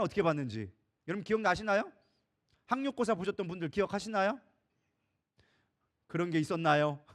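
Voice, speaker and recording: A middle-aged man preaching with quick, tumbling speech and a voice that sits high and swings widely. He asks the congregation questions and acts out the voices he quotes. The sound is a Sunday sermon in a church sanctuary. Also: fairly bright tone. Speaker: co-senior pastor.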